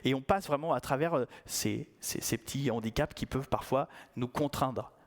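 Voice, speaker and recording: A man's voice: medium pitch, normal speed. A man giving a conference talk in a playful, ironic, conversational way. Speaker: conference speaker.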